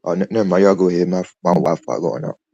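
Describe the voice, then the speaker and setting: A man on an online call whose audio keeps breaking up, talking haltingly and trailing off mid-sentence. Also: sits low, vocal fry, dark tone, breathy edge, dry recording, lo-fi sound. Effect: audio breaking up over a bad internet call connection. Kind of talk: casual chat.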